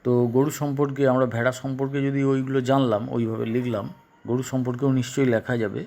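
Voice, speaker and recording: Male teacher, slow and halting. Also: medium pitch, little pitch movement, warm tone. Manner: slow, halting, repeats and translates each phrase. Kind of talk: class lesson explaining English in Bengali.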